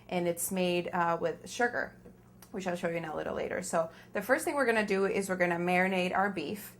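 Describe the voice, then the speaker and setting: A woman's voice: on the low side, a little hiss or hum. A woman in her thirties with a Venezuelan accent, giving informal step-by-step cooking instruction in a home kitchen. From Caracas, Venezuela. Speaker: cooking demonstrator. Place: small home kitchen, indoors.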